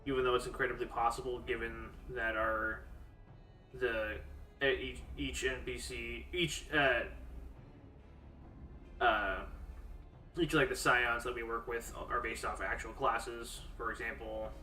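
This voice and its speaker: Guy streaming a game, bright voice, thinks out loud, echoey room, music in back. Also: medium pitch, flat delivery. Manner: halting, thinking aloud. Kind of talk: casual let's-play commentary. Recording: roomy, distant mic over game music.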